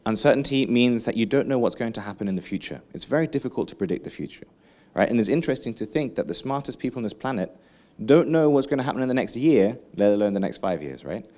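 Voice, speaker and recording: A man giving a lively conference keynote, engaging the audience with questions and frequent asides. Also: medium pitch, fast, hardly any pauses. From England. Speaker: keynote speaker.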